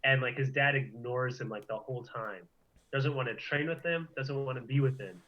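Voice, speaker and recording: A man's voice: medium pitch, moderate pace, lo-fi sound. A young man co-hosting a casual chat, animatedly retelling and reacting as a fan. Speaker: co-host.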